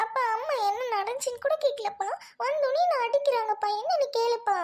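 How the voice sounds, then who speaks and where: A performer plays a young cartoon daughter pleading with her father. Her very high voice whines in quick bursts. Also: fairly even intonation, background noise. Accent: Tamil Nadu. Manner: whining, pleading.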